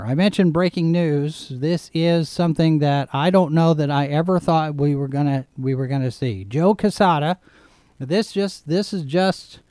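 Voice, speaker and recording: A man hosting a live show, chatting casually through the news in a halting, digressive way. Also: fairly high pitch, a little mellow, clear, resonant tone, no echo. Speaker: host and editor of a live show.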